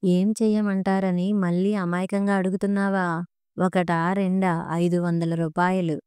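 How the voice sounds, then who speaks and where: A scornful, shouting husband , as a woman storyteller reads him out, mocking every word. The voice sits low and warm, smooth and clear. A dry, close storybook recording. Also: level tone, a little slow, dry recording, lightly acted. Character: angry scornful husband, a clerk.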